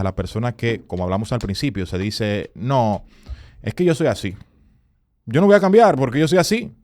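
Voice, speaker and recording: A man, a communication consultant, telling earnest stories as a podcast guest, emphatic and rising in pitch when he quotes people. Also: no room sound, clean studio sound. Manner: earnest, emphatic storyteller who rises in pitch for quoted voices. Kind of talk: storytelling in a podcast interview.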